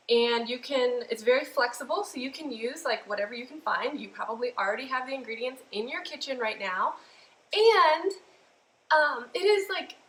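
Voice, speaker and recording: A woman with a slightly hoarse voice, hosting a live cooking demo in a chatty, bubbly way full of fillers. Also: fairly high pitch, fairly bright tone, roomy sound, poor audio. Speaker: cooking show host.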